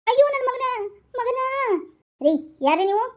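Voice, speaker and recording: Skit role: woman voicing a crying, pleading mother, North Karnataka accent, very high voice. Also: animated, normal speed, darkish tone. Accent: North Karnataka Kannada. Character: desperate mother pleading for her son. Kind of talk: comic skit acting.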